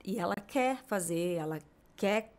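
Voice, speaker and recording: A woman's voice: medium pitch, animated, a little slow, a little mellow. Brazilian woman host retelling a story. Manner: retells a friend's story, quoting her at length. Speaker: podcast host. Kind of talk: casual podcast conversation.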